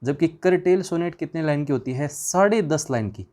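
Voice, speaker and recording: A man's voice: fairly high pitch, normal speed, a little mellow. A man teaching an exam revision class, firing questions at the students and answering them himself in a chatty, informal way.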